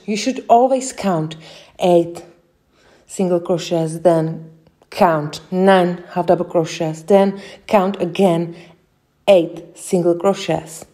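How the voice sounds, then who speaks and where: A young Czech woman with a Czech accent, giving slow step-by-step crochet instructions with frequent hesitations. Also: lowish voice, dark tone. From Czech Republic. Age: young adult. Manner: slow, careful, with many hesitations. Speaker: crochet tutorial host.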